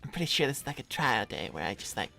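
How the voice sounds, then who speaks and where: A man's voice: medium pitch, very animated, quick pace, gravelly, loud music behind the voice. A man playing a timid young male hedgehog job seeker, hedging and pleading in an improvised live cartoon roleplay. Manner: hedging, placating.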